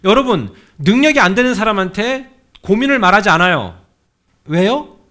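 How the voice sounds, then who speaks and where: Lively, animated Korean pastor preaching. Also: male voice, sits high, normal speed. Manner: conversational preaching, asks the congregation questions, acts out quoted voices. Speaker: senior pastor. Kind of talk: sermon. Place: church sanctuary.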